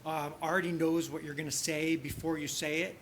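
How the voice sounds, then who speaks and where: A man leads a conference teaching session, thinking aloud through a case with frequent restarts and fillers. His voice sits a little on the high side for a man. A faint hiss of noise runs under the speech. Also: little pitch movement, fairly bright tone. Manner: halting, heavy use of "you know" and restarts. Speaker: workshop presenter.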